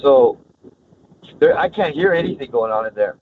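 A man's voice: medium pitch, moderate pace. A man, an actor guest, telling rambling, profane stories in casual chat. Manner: rambling, profane, animated anecdotes. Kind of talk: casual storytelling. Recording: tinny phone-like line, noisy.

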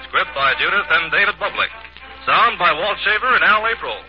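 Male radio announcer with a lively, lilting pitch on a dull old broadcast disc, with music behind. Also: brisk. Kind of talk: 1950s radio drama announcing.

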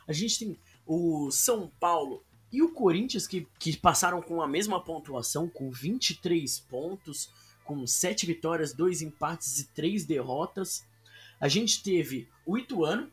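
A man hosting a casual football podcast, talking informally and addressing the listeners directly. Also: a little high. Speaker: podcast host.

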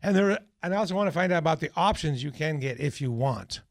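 A man's voice: fairly high pitch, animated, quick pace, no room sound. A male radio talk show host interviewing guests, asking pointed questions in a casual way. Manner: curious, asks pointed questions.

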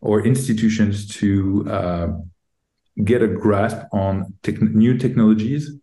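Man, French accent, low mellow voice, hesitant with ums, echoey room. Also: slow pace. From France. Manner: hesitant, many ums and restarts. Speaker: guest, tech executive. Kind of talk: conversational interview answers. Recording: roomy echo.

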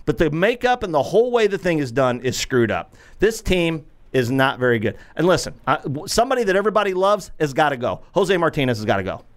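Fed-up male co-host ranting on a sports talk show; animated, fairly high, keeps repeating his lines. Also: fast, hardly any pauses. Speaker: podcast co-host.

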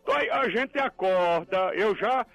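A man playing an excitable middle-aged doorman in a radio comedy sketch, stammering and rambling, then bursting into shouts. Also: high-pitched, unhurried, no echo, highs cut off, exaggerated voice. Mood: chatty.

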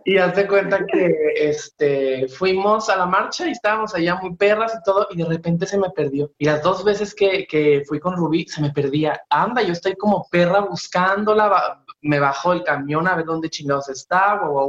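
High-voiced Mexican man, echoey lo-fi. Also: moderate pace, fairly bright tone. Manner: slangy, chatty storyteller. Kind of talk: casual chat. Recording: echoey, dull lo-fi sound.

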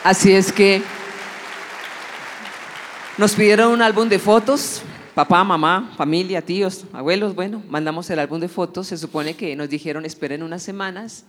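A woman giving an emotional church testimony, telling her story in an animated way and acting out the dialogue. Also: lowish voice, normal speed, a faint crowd, a little hiss or hum. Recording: long hall reverb.

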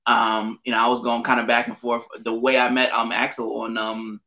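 Rambling middle-aged man, bright lo-fi voice. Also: medium pitch, completely flat delivery, normal speed. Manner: rambling, frequent fillers and self-corrections. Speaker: podcast guest. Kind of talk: casual interview chat. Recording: dull lo-fi audio.

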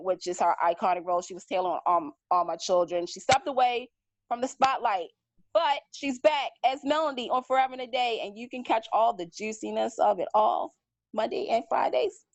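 A woman's voice: a little high, dry recording. A woman co-hosting a casual soap chat show, chatty and playful with giggles. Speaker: co-host. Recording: dry, slightly dull sound.

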